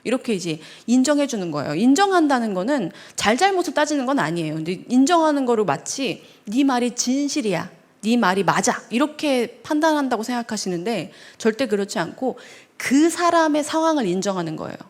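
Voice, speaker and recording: A woman pastor giving a seminar lecture in a church hall, animated, acting out quoted dialogue and asking the audience questions. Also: a little high, brisk. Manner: animated, acts out quoted dialogue in changing voices.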